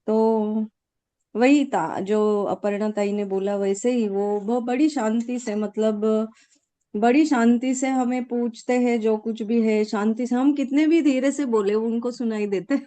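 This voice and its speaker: A woman in a workshop group tells of her experience, pausing often and filling the gaps. Her voice is mellow and dark-toned, and she speaks slowly. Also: on the high side, steady tone. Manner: hesitant, many fillers. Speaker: workshop participant. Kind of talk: sharing an experience.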